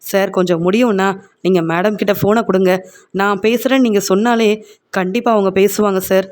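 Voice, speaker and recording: A man's voice: high voice, fairly even intonation, brisk, close to an everyday voice. A man voicing a distressed middle-aged mother, pleading and tearful.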